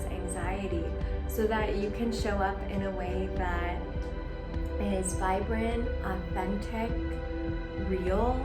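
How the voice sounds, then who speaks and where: A woman leading a guided meditation as an instructor, speaking encouragingly in measured, pause-filled phrases. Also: medium pitch. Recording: roomy echo under clear background music. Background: music.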